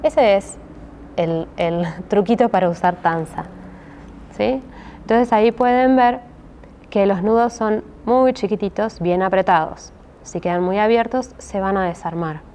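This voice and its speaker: Speaking at medium pitch with a warm, unhurried voice, a Rioplatense Spanish woman guides a patient craft tutorial one step at a time. Frequent hesitations and "¿sí?" check-ins fill her delivery, and there's a little hiss or hum.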